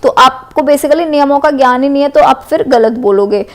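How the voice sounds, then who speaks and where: A woman's voice: high-pitched, moderate pace. A woman teacher with a western Uttar Pradesh Hindi accent, going through exam multiple-choice questions in an explanatory way and often checking in with "है ना". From Uttar Pradesh, India. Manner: explanatory, repeats "है ना" and "correct है". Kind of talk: exam MCQ revision lesson.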